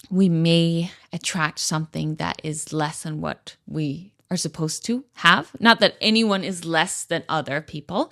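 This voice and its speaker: A woman in her late twenties hosting a solo podcast Q&A, talking in an earnest, reflective and encouraging way. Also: deep voice. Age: 20s. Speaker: podcast host.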